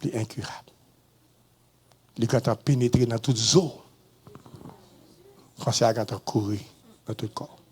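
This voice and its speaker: A man with a Haitian accent, a pastor giving a testimony in a sermon, swinging between low murmurs and sudden high shouts. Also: a little slow, pauses often, slightly rough.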